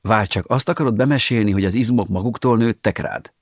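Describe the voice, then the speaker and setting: A man's voice: lowish voice, dry recording. Audiobook: man reading a teasing, quizzical woman, slightly raised voice, dry. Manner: teasing, questioning. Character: curious woman teasing her lover.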